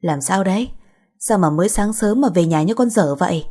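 A woman's voice: fairly low pitch, lively intonation, normal speed, mellow, slightly rough. A woman voicing a protective, blunt middle-aged mother who scolds and comforts. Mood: scolding.

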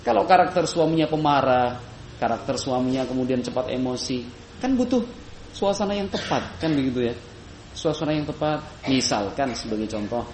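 Male preacher, animated storytelling sermon, echoey hall, faint hum behind. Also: normal speed. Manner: lively, acts out quoted voices in high pitch. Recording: echoey room with faint background noise.

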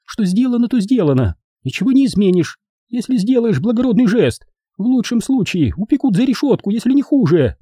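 Brief: male reader as a piercing, contemptuous woman in an audiobook, snapping lines, husky edge. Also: sing-song, a little fast, mellow, no echo, studio quality, exaggerated voice. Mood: frantic. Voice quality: piercing falsetto. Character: shrill scornful woman, sharp-tongued and frantic. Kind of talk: audiobook character voice.

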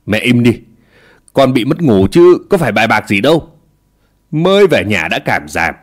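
A man's voice: medium pitch, very animated, normal speed, a little mellow, close to an everyday voice. A man voicing a blunt, curt young village man who idles and gambles. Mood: angry.

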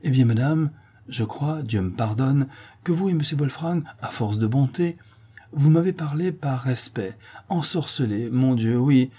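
A man voicing a timid, emotional gentleman who stammers and gushes, in an audiobook reading. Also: mid-range voice, animated, unhurried, slightly rough, voice pushed up. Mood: effusive. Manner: stammering, gushing, tearful. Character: timid, emotional middle-aged man, easily flustered.

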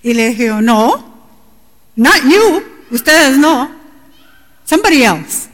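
Middle-aged woman preacher, impassioned and high-pitched, with a long hall echo. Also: very animated, takes it slowly, a bit bright. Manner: impassioned, rising to cries at times. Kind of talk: bilingual sermon. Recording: long reverb in a large hall.

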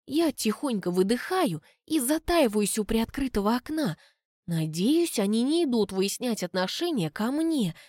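A woman's voice: on the high side, sing-song, a little slow, darkish tone, no echo. A woman narrating an audiobook in the first person, reading expressively. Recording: dry close recording.

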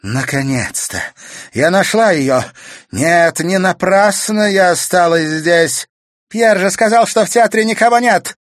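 A man's voice: on the high side, lively intonation, moderate pace, dry recording, studio quality, voice pushed up, lightly acted. A man voicing a vengeful, ruthless countess who hisses cold threats in a storybook reading. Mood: triumphant. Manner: hissing, menacing threats.

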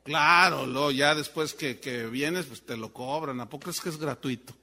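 A man's voice: moderate pace, long reverb tail. A man preaching a sermon, telling a story and acting out the voices of the people in it. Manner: animated storyteller acting out voices, wide swings in pitch and volume. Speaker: pastor.

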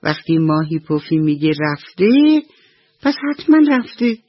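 A woman voicing a gentle female octopus teacher who talks patiently to her fish pupils. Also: low voice, sing-song, no room sound, highs cut off. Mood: kind. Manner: warm, patient, coaxing.

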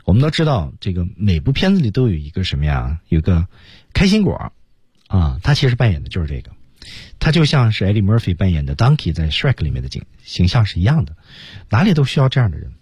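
A man's voice: deep voice, very animated, fast, a little mellow, breathy edge, no echo, clean studio sound. A man teaching English on the radio, explaining each example line and then acting it out. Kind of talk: radio language lesson. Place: radio studio. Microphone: studio microphone.

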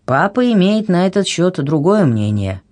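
A woman voicing a touchy, pompous king who shouts in offence. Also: fairly low pitch, very animated, normal speed. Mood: angry. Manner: angry, offended exclamations. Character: irritable older male king, pompous and touchy.

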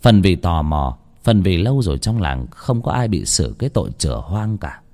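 A man's voice: low-pitched, sing-song, moderate pace, darkish tone. A man narrating a horror story with dramatic, emotive storytelling.

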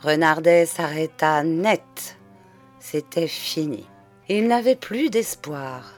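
Slow, measured woman narrating a classic story. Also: sits low, soft background music. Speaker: audiobook reader. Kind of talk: literary audiobook narration.

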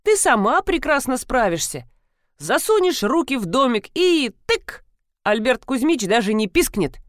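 A laid-back young man with a big appetite, played by a woman reading aloud. He drawls slowly and teases his friends, and his voice moves in a lively way. It sounds dry and close. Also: high voice, dry recording, pitched above the performer's own voice. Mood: easygoing. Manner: slow, unhurried, teasing.

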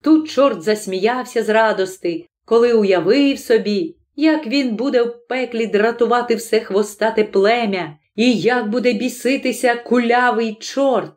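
A woman narrating a classic story in an audiobook with an expressive, lively reading. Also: fairly high pitch.

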